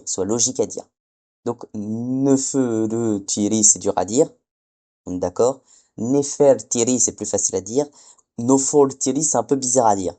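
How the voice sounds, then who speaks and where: A man's voice: on the low side, dark tone. A man giving a casual spoken lesson, hesitant, often stumbling and correcting himself. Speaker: teacher.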